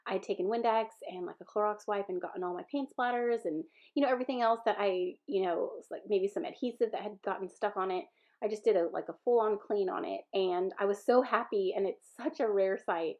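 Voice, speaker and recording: A woman's voice: medium pitch, fast, highs cut off. A woman with a Southern American accent and a stuffy nose, chatting casually through a craft voice-over and rambling with fillers and self-corrections. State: stuffy-nosed from a sinus infection. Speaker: scrapbooking video creator.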